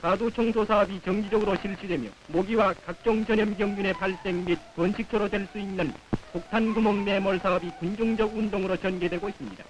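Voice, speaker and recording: On what sounds like an old film soundtrack, a man with a North Korean accent and a strikingly high voice narrates a 1950s propaganda newsreel in a solemn, declamatory manner. His tone stays steady and his pace fairly quick, and the recording quality is low.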